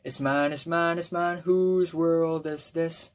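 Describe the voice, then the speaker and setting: A young music reviewer, his slightly high voice raspy from talking, delivers a casual, excitable album review at a slow pace, packed with fillers and bursts of enthusiasm.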